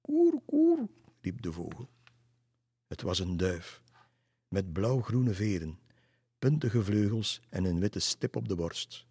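A man reads a children's story aloud in a calm, unhurried way. His voice is very low and a little husky. The recording is close and dry, with no room sound. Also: no room sound.

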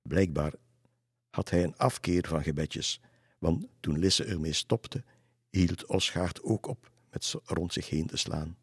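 A man reading a folk tale aloud in a measured way. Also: low voice, slightly rough, no echo, studio quality. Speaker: narrator. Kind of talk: storybook narration.

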